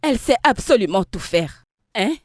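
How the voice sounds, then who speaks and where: A woman's voice: mid-range voice, sing-song, normal speed, no room sound, studio quality. A woman dubbing a coaxing bread seller into French, laughing easily. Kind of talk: French dub of a film.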